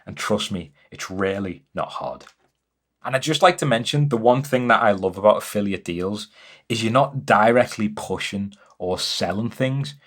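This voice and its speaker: Brief: young guy, slightly low voice, enthusiastic and chatty, home studio explainer. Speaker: music business educator. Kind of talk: casual to-camera explainer. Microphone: camera-mounted mic.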